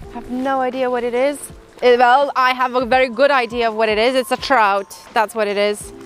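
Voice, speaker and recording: Fly fishing on a riverbank, a woman with a rather high, fairly quick voice chats away and pokes fun at herself, getting excited whenever she hooks a fish. She's recorded outdoors on a camera mic that is sometimes far away, with music in the background.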